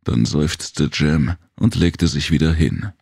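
A man narrating an audiobook story in a calm, measured way. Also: very deep voice, vocal fry, breathy edge, dry recording, studio quality.

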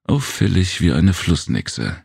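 A man with a very deep voice playing a tired, gruff alien man with big ears in a storybook reading, talking in a weary, curt way. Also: sing-song, slow pace, darkish tone, no room sound, clean studio sound, heavily acted.

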